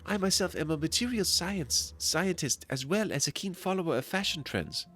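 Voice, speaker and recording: A man putting on a too-smooth, silky master tailor. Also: a little high, animated, moderate pace, a bit bright, a little hiss or hum, voice pushed up. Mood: suave. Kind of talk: reading game dialogue aloud on a stream.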